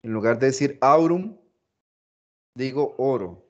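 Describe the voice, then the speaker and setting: A man teaching a philology class, explaining slowly, repeating phrases and stressing example words. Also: mid-range voice, lively intonation, highs cut off. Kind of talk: recorded class lecture.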